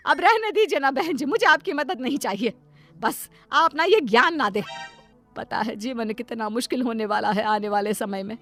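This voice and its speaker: A doting, long-suffering cartoon mother, voiced by a woman with a high voice. She pleads softly and plaintively. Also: expressive, normal speed, soft background music. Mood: defensive. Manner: pleading, soft-hearted, plaintive. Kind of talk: Hindi cartoon voice acting.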